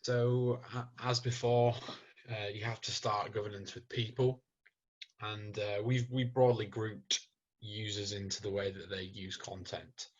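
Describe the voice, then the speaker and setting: A man's voice: on the low side, husky. A man, a data scientist, explaining steadily in a webinar over dull, lo-fi call audio. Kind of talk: webinar presentation.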